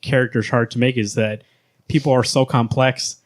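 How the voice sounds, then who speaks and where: A man's voice: mid-range voice, fairly even intonation. A man hosting a podcast, chatting casually and enthusiastically, peppering his talk with "like" and "right". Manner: quick, enthusiastic, many likes and rights. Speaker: podcast host. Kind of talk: casual chat.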